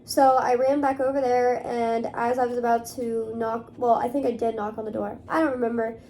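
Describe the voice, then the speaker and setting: A young woman talks straight to camera in a loose, rambling way, padding her sentences with fillers. Her voice sits a little on the high side. A faint hiss runs under it. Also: little pitch movement, moderate pace, mellow. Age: young adult. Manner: rambling, filler-heavy, many "like" and "um". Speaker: vlogger. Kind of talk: casual talk to camera.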